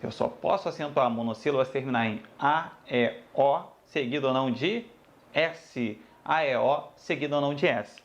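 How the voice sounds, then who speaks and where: A man's voice: medium pitch, normal speed, dull audio. A man teaching a grammar lesson, addressing students casually and repeating each rule. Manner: lively, addresses students as "galera", repeats rules.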